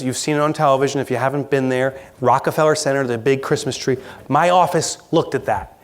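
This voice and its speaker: A man giving a keynote talk, telling a story in an animated, self-mocking way and acting it out. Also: on the high side. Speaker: keynote speaker. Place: large conference hall.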